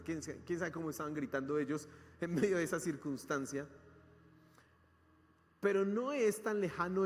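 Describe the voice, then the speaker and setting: A Colombian man preaching a sermon as pastor, with lively, dramatic delivery and questions thrown to the congregation. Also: high-pitched. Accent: Colombian Spanish. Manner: animated preaching, acting out cries and questions to the congregation. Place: church hall. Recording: long hall reverb with soft instrumental music. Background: soft instrumental music.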